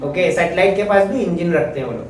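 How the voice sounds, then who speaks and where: A man's voice: high voice, quick pace, darkish tone, slight background noise. Joking male teacher in echoey classroom. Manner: chatty, joking, mixes Hindi and English. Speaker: physics teacher. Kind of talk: classroom lecture. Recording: echoey classroom, mic far off.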